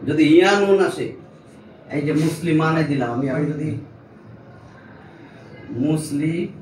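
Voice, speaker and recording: A man with a slightly high, somewhat mellow voice teaches grammar to a small class at a little fast pace, explaining step by step and checking that students follow. The room echoes, the mic is at a distance, and there's faint noise.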